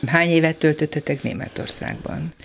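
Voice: mid-range voice, fairly even intonation, vocal fry, slight background noise. An interviewer in a casual chat, asking short prompting questions and giving brief agreements.

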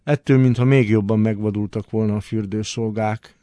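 A man giving a dramatic literary reading, expressive and swinging between hushed and forceful delivery. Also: on the low side, no echo. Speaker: reader.

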